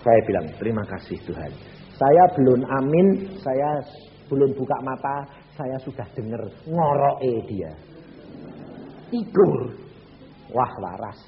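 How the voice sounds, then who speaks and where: A man, preaching a sermon and swinging from loud peaks to hushed drops. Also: mid-range voice, expressive, slow pace. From Central Java, Indonesia. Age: 80s. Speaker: evangelist preacher. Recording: echoey hall, dull lo-fi with hum.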